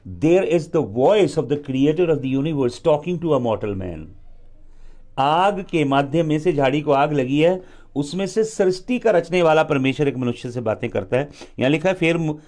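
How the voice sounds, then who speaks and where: A male pastor preaches at an unhurried, deliberate pace, stretching out his phrases. His voice sits a little high for a man. He gives emphatic lines and calls on the congregation to repeat after him. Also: a little mellow. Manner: drawn-out, deliberate delivery with pauses between phrases. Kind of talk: live sermon.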